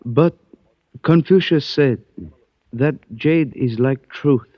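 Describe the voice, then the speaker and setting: In 1940s radio style, an actor with a mid-range voice plays a suave male antique dealer whose phrasing is stilted and formal, measured and evasive. He comes across as cryptic yet courteous, and the old radio recording is dull and dry.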